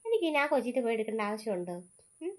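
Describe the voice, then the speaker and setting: A defensive grandmother, played by a woman, in a family comedy skit. She fires off insistent denials at a rapid clip in a fairly high voice. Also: very animated. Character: defensive grandmother accused of taking a hair slide.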